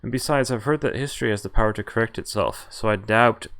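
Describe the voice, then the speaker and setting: A man with a fairly low, fairly bright voice talks at a quick clip while streaming a visual novel. He reads the narration and dialogue aloud casually with a bit of acting, tossing in offhand reactions, as game music plays behind him.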